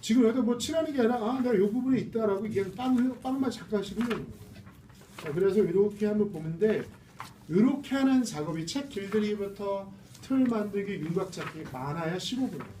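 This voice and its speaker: Male reading instructor, high lively voice, mellow tone, casual lecture in a roomy room caught from a distance. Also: fast. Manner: chatty, asks the class rhetorical questions. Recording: roomy, distant mic with faint noise.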